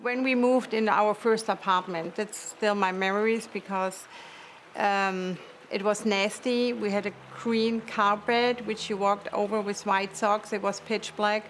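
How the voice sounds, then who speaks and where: A woman's voice: medium pitch, fairly even intonation, measured pace, slight background noise. A woman from Bavaria with a German accent, speaking plainly and reflectively in a documentary interview.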